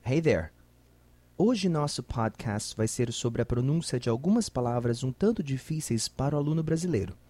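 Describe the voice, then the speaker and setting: A man hosting a podcast pronunciation lesson, saying single words clearly and deliberately as models to repeat. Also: medium pitch, lively intonation, mellow, no echo. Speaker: English pronunciation teacher. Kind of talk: podcast pronunciation lesson, reading word lists.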